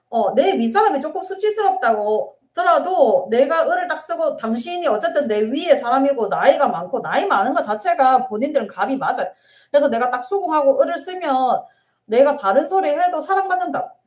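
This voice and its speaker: A woman's voice: sits high, expressive, moderate pace, a little mellow. A middle-aged woman counselor answering viewer questions in an earnest, emphatic live-stream talk. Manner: earnest, emphatic, laughs and tears up while sharing.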